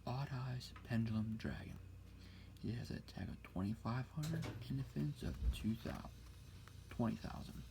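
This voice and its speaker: A man speaking very quietly, sometimes whispering, close to the ear in an ASMR style, reading things out slowly. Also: lowish voice, lively intonation, gravelly, heavy background noise. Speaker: ASMR card collector showing a deck. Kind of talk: quiet ASMR talk, soft-spoken to whispered. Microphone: close-up ASMR mic.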